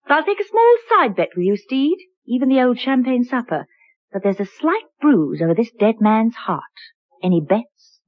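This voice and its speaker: An actress playing a witty, cool-headed female agent who banters crisply in a radio drama. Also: fairly high pitch, very animated, normal speed. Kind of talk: 1960s radio drama acting. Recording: dull old radio recording.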